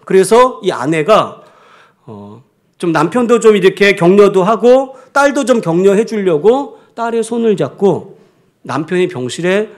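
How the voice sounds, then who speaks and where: High-voiced male pastor preaching a sermon. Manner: storytelling, shouting out quoted lines.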